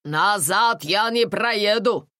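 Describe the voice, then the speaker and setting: A woman's voice: mid-range voice, takes it slowly, a bit bright, no room sound, clean studio sound, voice pushed up. A woman voicing a jovial middle-aged male bus driver who talks bluntly and familiarly, in broken phrasing.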